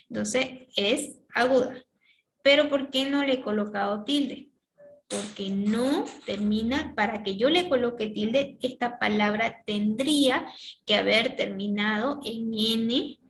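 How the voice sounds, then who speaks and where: A woman teacher giving a classroom lesson, explaining step by step, repeating key words and checking in with a quick "¿ya?". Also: fairly high pitch, a bit bright.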